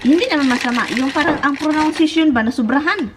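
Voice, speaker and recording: Brief: Filipina vlogger, Visayan accent, high and chatty, kitchen noise behind. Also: female voice, fast talker. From Philippines. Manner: chatty, giggly, animated. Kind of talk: casual chat to camera.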